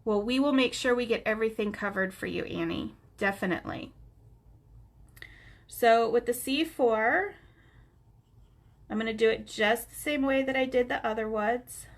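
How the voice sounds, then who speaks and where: A craft instructor on a live stream teaches coloring with a stuffy, nasal voice from a blocked nose. Her voice is a little high, her pace moderate with long pauses, and she chats casually with viewers by name.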